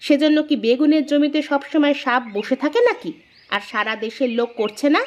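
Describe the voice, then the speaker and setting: A woman's voice: high voice, a little fast, highs cut off, natural voice. A woman voicing a practical village wife in a cartoon, speaking in a chiding way.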